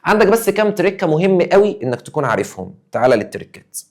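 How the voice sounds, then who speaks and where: A man's voice: high-pitched, sing-song, racing, darkish tone. A young man with an Egyptian Arabic accent, a teacher giving an exam review lesson, emphatic and acting out his students' questions.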